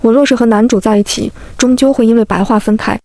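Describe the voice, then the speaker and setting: A woman reading a first-person story aloud in a calm, even narration, including the dialogue of other characters. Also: a little high, quick pace, no room sound.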